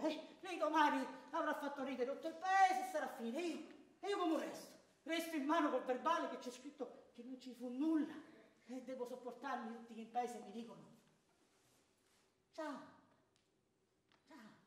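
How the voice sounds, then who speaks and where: Man as a proud, desperate betrayed husband, high bright stage voice, distant and echoey. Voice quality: theatrical, swings from hushed to shouting. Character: wronged middle-aged clerk Ciampa, bitter, proud, desperate. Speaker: amateur stage actor. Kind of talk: stage theatre performance. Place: theatre stage. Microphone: distant room mic.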